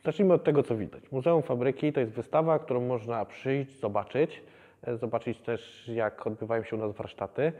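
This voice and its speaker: A man in his thirties, a museum educator, explaining the exhibition in a measured way with many hesitations. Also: medium pitch, mellow, long reverb tail, muffled recording. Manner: measured, with frequent hesitation fillers. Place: museum exhibition hall, indoors.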